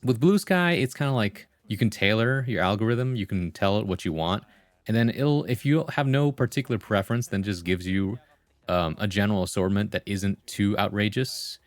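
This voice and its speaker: A man with a low voice hosts a livestream in a dry, close recording. He talks casually and slangily, moving between reading comments and answering them conversationally. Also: moderate pace, no room sound. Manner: slangy, conversational, full of "like" and "bro". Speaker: livestream host. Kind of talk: casual chat with viewers, reading comments aloud.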